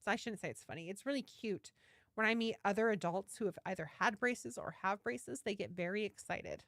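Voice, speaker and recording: A woman's voice: medium pitch, brisk, fairly bright tone, dry recording, clean studio sound. A woman hosting a casual live stream, chatting enthusiastically and reading out viewer comments. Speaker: livestream host, yarn dyer. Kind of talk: casual livestream chat.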